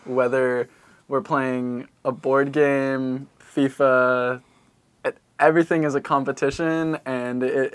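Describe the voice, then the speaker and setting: Steady young man, smooth flat voice. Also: medium pitch, dry recording. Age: young adult. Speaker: senior college athlete. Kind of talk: casual interview comment.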